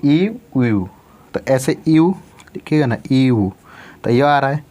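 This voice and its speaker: A man's voice: mid-range voice, dark tone. A male teacher giving a grammar lesson, saying each word several times and answering his own questions as he goes. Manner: repeats words slowly, asks and answers own questions.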